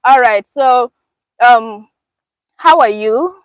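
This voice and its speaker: A woman's voice: fairly high pitch, slow pace, smooth, dry recording, rough recording. A young woman hosting a casual live-stream chat in a park, upbeat and laughing often. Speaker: YouTube host. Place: outdoors in a park.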